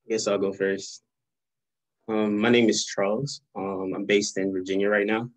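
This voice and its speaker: A man's voice: fairly low pitch, little pitch movement, normal speed, rough recording. A man attending an online poetry workshop, introducing himself plainly and briefly with some ums. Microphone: video call mic.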